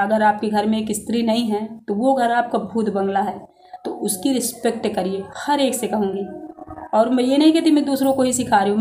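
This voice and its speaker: Earnest woman vlogger with a mellow voice. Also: medium pitch, a little hiss or hum. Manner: earnest and preachy, with rhetorical questions to viewers. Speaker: vlogger giving life advice. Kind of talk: casual motivational talk to camera. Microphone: phone.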